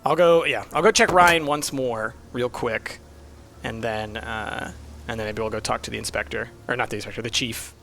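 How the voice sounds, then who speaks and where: Young male streamer, chatty, thinks aloud, bright tone. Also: mid-range voice, steady tone, normal speed, creaky, slight background noise. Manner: thinks aloud, muttering and musing. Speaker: streamer playing a mystery game. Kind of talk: casual let's-play commentary.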